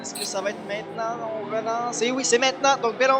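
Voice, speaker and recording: High-pitched excited male Quebec motorsport commentator. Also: fast. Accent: Quebec French. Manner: exclamatory, urgent, repeats names and phrases.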